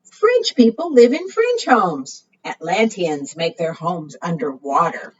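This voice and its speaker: A librarian runs preschool storytime, reading aloud in a sing-song way and often asking the children questions. Her voice is husky and fairly low, with big pitch swings, and she takes it slowly. The recording is muffled, made on a distant mic.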